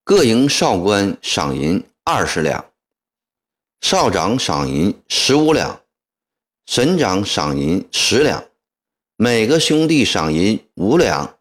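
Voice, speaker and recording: A man's voice: lowish voice, sing-song, slow pace. Man voicing a stern commander rallying troops. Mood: rousing. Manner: loud, formal speech to massed soldiers. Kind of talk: audiobook character voicing.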